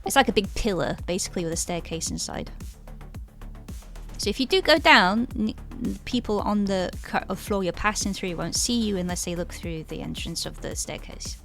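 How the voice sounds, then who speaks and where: A woman's voice: medium pitch, animated, normal speed, a bit bright, soft background music. A woman running a tabletop game, narrating in a casual, rambling way. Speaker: game master.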